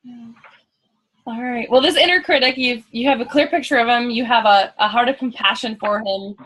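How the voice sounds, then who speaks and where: A woman's voice: a little high, moderate pace, a bit bright, low-quality recording. A woman coach trainer leading a live coaching demonstration, curious and probing, with an upbeat way of asking questions.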